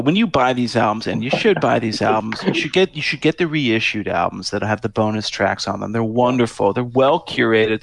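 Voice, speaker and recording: A man co-hosting a casual music discussion, animated and exasperated, with a mocking edge. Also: on the low side, vocal fry. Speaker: podcast co-host.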